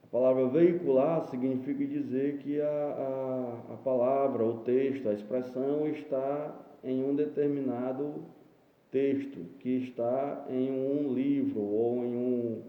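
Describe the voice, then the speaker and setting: A man's voice: mid-range voice, fairly even intonation. A male teacher with a Brazilian Portuguese accent from Ceará, giving a remote lesson and explaining each point patiently, often checking in with "né?". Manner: slow, patient, explains step by step with frequent "né?". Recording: echoey room, dull lo-fi sound.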